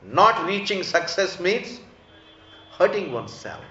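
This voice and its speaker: A man's voice: sits high, big pitch swings, a little slow, bright, forceful tone. A man with an Indian accent giving a religious discourse as a spiritual teacher, didactic and emphatic, repeating phrases and posing rhetorical questions. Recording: echoey room, slightly dull sound.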